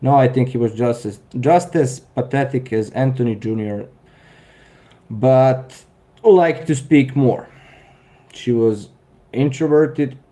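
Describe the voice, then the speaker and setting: A man's voice: medium pitch, slow pace, pauses often, dark tone. Dry, sarcastic Serbian-accented man. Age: 30s. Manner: dry, sarcastic, chuckles often. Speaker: live-stream host. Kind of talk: casual live-stream chat reading viewer comments.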